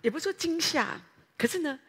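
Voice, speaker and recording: A woman pastor, preaching a sermon in a lively storytelling way that speaks directly to the congregation. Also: high-pitched, brisk, in a large hall. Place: church.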